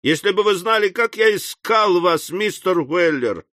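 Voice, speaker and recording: A man reading an audiobook voices a sly, tearful hypocrite who fawns in a gushing, drawn-out, plaintive way. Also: high voice, expressive, a bit bright, dry recording, clean studio sound, voice pushed up. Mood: gushing, fawning.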